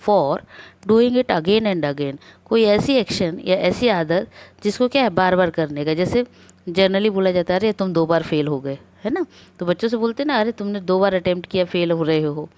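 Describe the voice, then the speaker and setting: A woman teaching English grammar in a classroom lecture, explaining step by step with many rhetorical questions and reading rules out slowly. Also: mid-range voice, darkish tone, no echo.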